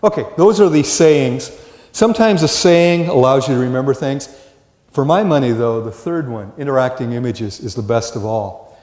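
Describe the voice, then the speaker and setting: An older American college lecturer addresses his class in a folksy style, peppering his talk with rhetorical questions. His mid-range voice is animated and a little mellow, moving at normal speed. The large classroom or lecture hall carries a long, echoey reverb.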